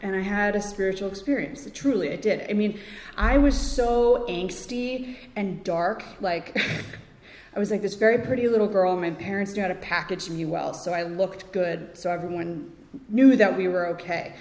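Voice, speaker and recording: Woman, from Connecticut, recovery testimony, filler-heavy, halting, roomy echoing hall. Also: medium pitch, darkish tone. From Connecticut, USA. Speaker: speaker at a recovery meeting. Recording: echoey hall with long reverb.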